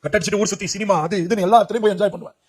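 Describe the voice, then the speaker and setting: A man's voice: sits high, steady tone, racing, slightly rough. Male preacher, emotional testimony sermon, rattles along at breakneck speed, urgent and impassioned. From Puducherry, India. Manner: emotional, urgent, cries out to young listeners. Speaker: preacher giving his testimony.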